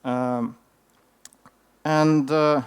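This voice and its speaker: A man who is a non-native English speaker gives an informal technical talk in a hesitant, halting way, often filling his pauses. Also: on the high side, fairly even intonation, clear, resonant tone. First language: not English. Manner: hesitant, halting delivery with frequent fillers. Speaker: conference speaker.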